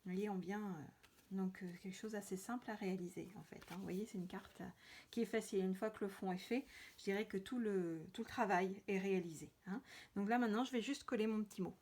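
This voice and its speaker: A woman's voice: medium pitch, fairly quick, darkish tone, slight background noise. A woman hosting a card-making tutorial, talking casually while she works with many hesitations and fillers. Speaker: crafting tutorial host. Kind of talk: casual craft demonstration.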